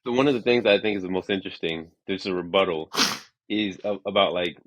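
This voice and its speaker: A man in his thirties with a husky, fairly low voice, rambling through his thoughts on a podcast. The sound is dry and close. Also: fast, fairly bright tone, no echo, rough recording. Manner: rambling, heavy use of "like", restarts. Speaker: podcast co-host. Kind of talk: casual chat.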